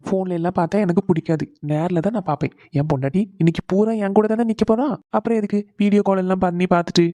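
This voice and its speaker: A woman's voice: fairly low pitch, dark tone, no room sound, lightly acted. A woman voicing a weary young groom. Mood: coaxing. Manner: quick, weary and coaxing. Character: tired, sleepless young groom. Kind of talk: cartoon voice acting.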